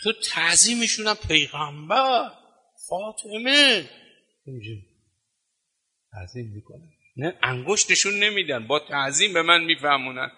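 A man's voice: fairly high pitch, sing-song, bright, forceful tone, slightly rough. A man preaching a sermon, telling stories and driving points home with emphatic, rhythmic repetition. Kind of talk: sermon with storytelling. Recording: long reverb of a hall.

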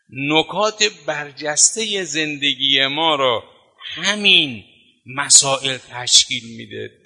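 A man's voice: medium pitch, pushed and bright. A man preaching a sermon, telling stories and driving points home with emphatic, rhythmic repetition. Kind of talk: sermon with storytelling. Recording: long reverb of a hall.

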